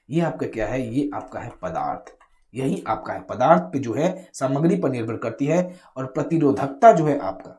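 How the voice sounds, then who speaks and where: A man's voice: mid-range voice, dark tone. Man repeating questions as he teaches. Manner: repetitive, keeps asking rhetorical questions then answering; addresses viewers directly in a coaching tone. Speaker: exam coaching teacher. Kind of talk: exam question walkthrough lesson.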